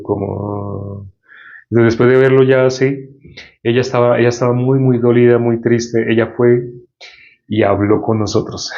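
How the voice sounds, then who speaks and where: Guy telling a story in a sermon, animated, acts out voices, sounds lo-fi. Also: mid-range voice. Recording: dull lo-fi recording.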